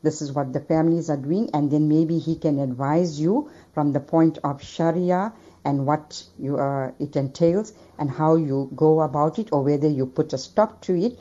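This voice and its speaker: A woman's voice: low voice, moderate pace, dark tone. A woman leaving an earnest recorded voice message, giving advice with Islamic blessings, played back on air. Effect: voice message played over the radio. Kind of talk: recorded voice note read out as advice. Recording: dull lo-fi voice message.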